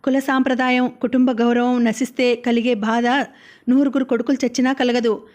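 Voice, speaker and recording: A woman's voice: a little high, little pitch movement, moderate pace, darkish tone, lightly acted. A woman reading as a stern, grieving aristocratic mother. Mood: bitter grief. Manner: scolding, wailing.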